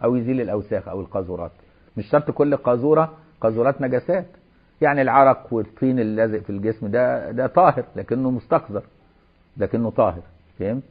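A man's voice: medium pitch, fast talker, slightly rough, narrow, tinny audio. A man with an Egyptian accent, a religious teacher reading a classical text aloud and explaining it, moving between formal recitation and chatty colloquial asides.

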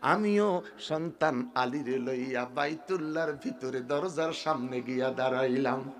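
A male preacher delivering an emotional sermon to a gathering. His delivery is sing-song and swells into loud wailing chants. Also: medium pitch, measured pace. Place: outdoor religious gathering.

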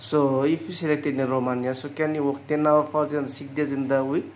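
Flat-voiced male job interviewer. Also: mid-range voice, background noise. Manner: brisk, repeats answers back, says okay often.

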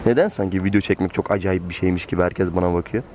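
A man's voice: sits low, fast talker. A man chats casually and informally from inside a motorcycle helmet, rambling and interrupting himself as he rides. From Turkey. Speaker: motovlogger. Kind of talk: casual chatty vlog while riding. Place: outdoors, riding a motorcycle through town. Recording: clear road and engine noise.

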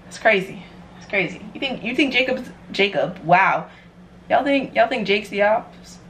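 A young adult woman from New York vlogs from her home kitchen, chatting casually to the camera with playful, self-described chaotic energy. Her mid-range voice is expressive and a bit bright, moving at a normal speed. The recording has clear background noise and room ambience.

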